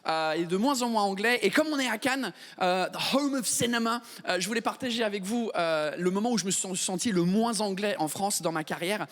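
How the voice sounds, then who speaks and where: High-voiced man doing stand-up. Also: brisk, few pauses, fairly bright tone. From Britain. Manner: self-mocking storytelling, with many "euh" fillers. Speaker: stand-up comedian. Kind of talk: stand-up comedy routine. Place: theatre stage at a comedy gala. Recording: live hall reverb.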